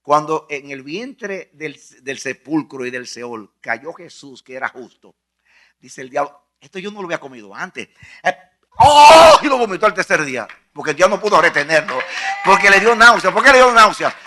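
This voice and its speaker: A male pastor preaching a sermon, emphatic, repeating phrases and swinging from hushed to loud. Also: on the high side, expressive, normal speed.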